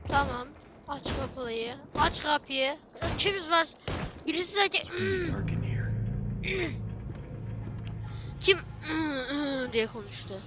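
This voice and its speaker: A woman giving excitable, chatty let's play commentary, talking to herself and her viewers as she plays. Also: sits high, normal speed. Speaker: gameplay streamer.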